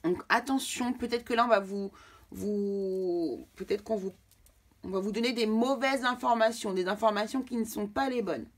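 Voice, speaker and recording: A woman's voice: medium pitch, moderate pace. A woman giving a casual tarot reading to camera, chatting directly with her viewers. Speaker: tarot card reader.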